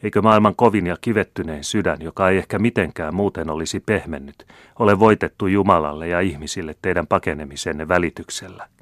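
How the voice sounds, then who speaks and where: A man's voice: sits low, dry recording, clean studio sound, close to an everyday voice. A man reading aloud the lines of a devout old woman, speaking solemnly and fervently as if preaching.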